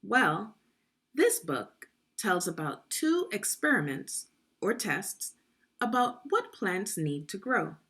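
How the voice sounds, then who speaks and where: A read-along teacher and narrator reads to children in a slow, lively manner with a mid-range voice. Her guided read-aloud is clearly enunciated and instructive, with questions directed at the listener.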